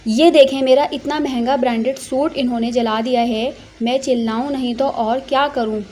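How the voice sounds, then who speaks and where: Woman doing a spoiled young rich girl, high voice, loud and whiny, demanding, story reading. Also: fairly even intonation, moderate pace, natural voice. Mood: angry.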